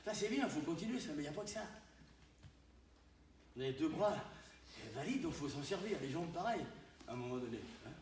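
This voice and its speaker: A man teaching karate live to his class, animated, often tagging his sentences with "hein?" and sudden exclamations. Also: on the high side, brisk, pauses often. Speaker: karate instructor. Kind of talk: live dojo teaching demonstration. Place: large echoey training hall. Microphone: distant camera mic. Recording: echoey hall from far off, noisy.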